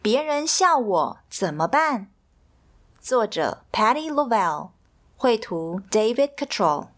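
A woman reading a picture book aloud to children in a gentle, expressive storytelling manner. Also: a little high, slow pace.

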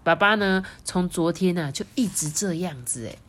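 A woman reading a picture book aloud to a child, with lively chatty asides. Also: lowish voice, moderate pace. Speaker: storyteller.

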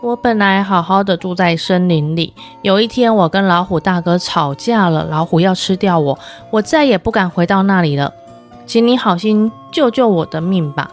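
A woman's voice: on the low side, normal speed, faint music behind, natural voice. A woman storyteller voicing a cunning, wheedling little male cat in a children's tale. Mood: pleading.

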